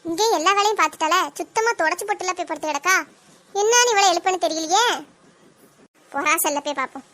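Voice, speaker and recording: A scheming, nagging older mother-in-law from a cartoon, speaking with a Kanyakumari Tamil accent. She mutters grumbling plots to herself in a very high, bright, sharp voice. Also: fast talker. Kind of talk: cartoon voice acting.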